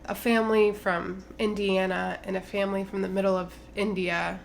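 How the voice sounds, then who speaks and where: A woman's voice: mid-range voice, little pitch movement, normal speed, gravelly, a little hiss or hum. A woman in her twenties, co-hosting a podcast in casual chat, talking with plenty of fillers and "like". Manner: chatty, lots of fillers and "like". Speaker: podcast co-host.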